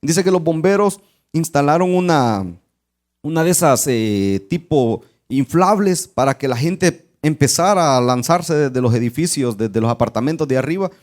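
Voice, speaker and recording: A man's voice: fairly high pitch, animated, normal speed, darkish tone. A male pastor preaching a sermon with earnest storytelling.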